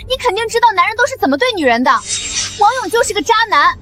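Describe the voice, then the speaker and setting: A woman voicing a scheming young village accuser who sobs and shouts her charges in a drama. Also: sing-song, fast, exaggerated voice. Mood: shrill accusing. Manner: shrill, accusing, sobbing. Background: soft music.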